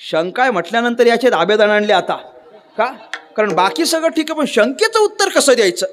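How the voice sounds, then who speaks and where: High-voiced storytelling preacher in a reverberant hall. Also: male voice, brisk. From Maharashtra. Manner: lively storyteller, rhetorical questions to the crowd. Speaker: kirtan preacher. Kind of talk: devotional sermon storytelling. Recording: long reverb of a large hall.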